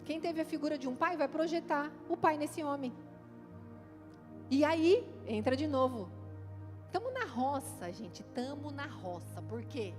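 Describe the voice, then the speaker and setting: A middle-aged woman pastor from Brazil, preaching at a church conference in a lively, playful way and speaking straight to the congregation. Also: sits high, moderate pace. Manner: lively and playful, acts out quotes, talks straight to the crowd. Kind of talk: conference sermon. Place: church hall, live event. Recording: long hall reverb with faint music.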